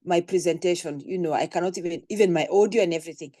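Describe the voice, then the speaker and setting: A woman from Kenya speaks on a video call with her camera off, her voice low and recorded dry. She is friendly and halting, with frequent fillers. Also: mellow, no echo. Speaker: panelist, community organizer. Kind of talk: webinar self-introduction.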